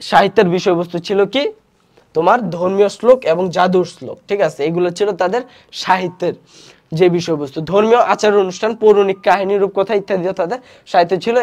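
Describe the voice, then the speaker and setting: A young man teaching an online history class, walking through slides and posing questions he then answers himself. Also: high-pitched. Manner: explains slides step by step, asks and answers own questions; many fillers and restarts.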